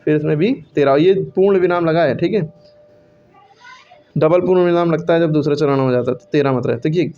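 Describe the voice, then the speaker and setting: A man's voice: on the high side, brisk, mellow, dull audio. A male teacher giving a classroom lesson on Hindi verse meter, counting syllables aloud and correcting himself as he goes.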